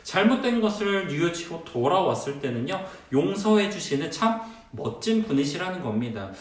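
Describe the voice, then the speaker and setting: A man preaching a children's sermon, retelling a story in an animated way and addressing the children as friends. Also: a little high, normal speed. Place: church hall. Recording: roomy and distant.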